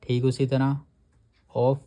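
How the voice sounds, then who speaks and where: A man's voice: medium pitch, completely flat delivery, slow pace, dark tone. A man teaching a shorthand lesson, explaining each rule step by step and reading the rule text aloud word by word.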